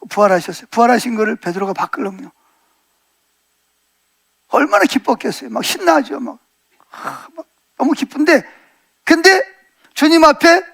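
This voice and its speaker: A middle-aged male pastor preaching a sermon, retelling a story with lively acted quotes and frequent questions to the congregation. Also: very high voice, vocal fry.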